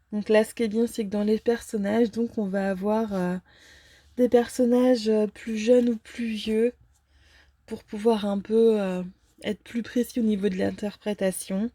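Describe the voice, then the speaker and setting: A woman casually unboxing and reviewing a fortune-telling card deck, talking hesitantly with many filler pauses. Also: mid-range voice, mellow, no room sound.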